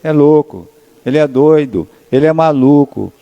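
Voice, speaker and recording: A male pastor with a Brazilian Portuguese accent preaching a sermon in a chatty, storytelling manner, often tagging questions onto his sentences and slowing down to read scripture. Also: a little high, lo-fi sound. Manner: conversational storytelling, frequent tag questions, slows to read scripture. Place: church sanctuary. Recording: long church reverb.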